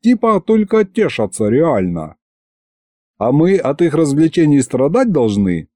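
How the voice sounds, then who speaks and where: A man's voice: fairly high pitch, sing-song, unhurried, mellow, dry recording, clean studio sound, voice pushed up. Man doing a cheeky slangy imp. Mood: amused. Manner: gleeful, street slang.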